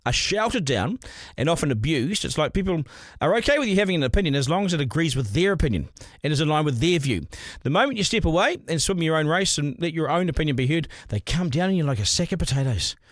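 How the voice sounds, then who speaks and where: Blunt, fast-talking New man. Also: fairly high pitch, sing-song, no echo, studio quality. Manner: blunt, opinionated, punchy. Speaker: podcast host. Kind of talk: opinion monologue and interview.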